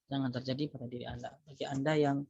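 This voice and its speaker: A man's voice: mid-range voice, little pitch movement, fast talker, creaky, darkish tone, breathy edge, no echo. A middle-aged man, a lecturer, giving a religious motivational talk to students over a video call, emphatic and preachy, with many rhetorical questions. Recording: dull lo-fi video call audio, dry.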